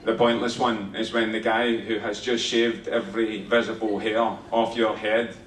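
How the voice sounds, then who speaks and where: A man's voice: lowish voice, flat delivery, normal speed. A Scottish man in his thirties doing a stand-up comedy set, conversational and punchy, swearing freely. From Scotland. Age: 30s. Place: theatre stage before a laughing audience. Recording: roomy live theatre sound, mic heard from a distance, audience noise.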